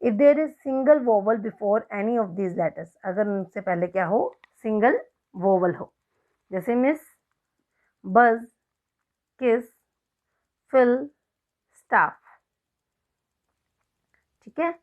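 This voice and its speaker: A woman's voice: mid-range voice, expressive, extremely slow, long pauses. A woman with an Indian accent teaching an English spelling lesson online, explaining in Hindi and English and spelling out words letter by letter. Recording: dull lo-fi recording.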